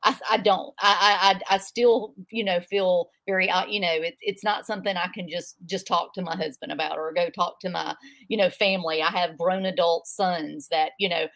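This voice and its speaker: A woman's voice: lowish voice, fairly even intonation, moderate pace, fairly bright tone. A woman in her fifties with a thick American Southern accent, sharing personal experience as an interview guest in an open, rambling way. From southern United States. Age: 50s. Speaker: guest mental health advocate.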